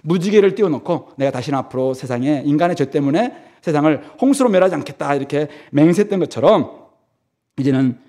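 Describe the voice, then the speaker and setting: A man's voice: fairly high pitch, expressive, brisk. A middle-aged male pastor preaching a sermon in a conversational way, acting out short scenes. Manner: conversational, acts out voices of God with shouted mock commands.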